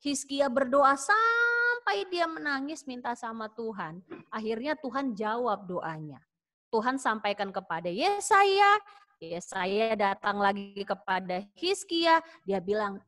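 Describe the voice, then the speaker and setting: A woman tells a Bible story to children as a Sunday school teacher. She talks in an animated, chatty way with casual fillers. Her voice sits on the high side.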